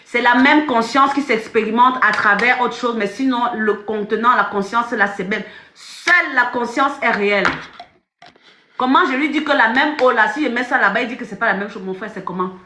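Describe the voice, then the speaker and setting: A woman coach talks on a phone live stream, emphatic and direct, circling back to the same phrases again and again. Her voice is fairly high and bright. The room around her rings with echo. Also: moderate pace, a little hiss or hum. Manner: emphatic, repeats phrases, addresses viewers directly. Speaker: life coach. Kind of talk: live-stream motivational talk.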